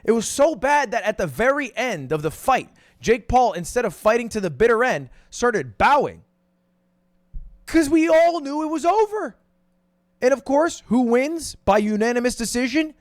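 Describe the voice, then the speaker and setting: A man giving animated opinion commentary in a blunt, exasperated manner, swearing often. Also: extremely high pitch, normal speed, no room sound, studio quality. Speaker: online commentator.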